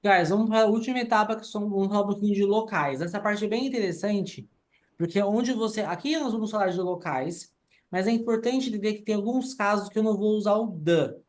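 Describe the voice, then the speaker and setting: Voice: mid-range voice, fast. Teacher explaining grammar patiently. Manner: explains rules step by step, often ends with "tá?". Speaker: English teacher. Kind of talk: online grammar class.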